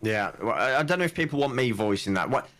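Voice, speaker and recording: A man with a Brummie accent co-hosting a casual podcast, speaking in a laid-back, deadpan way. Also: mid-range voice, fast. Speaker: podcast co-host.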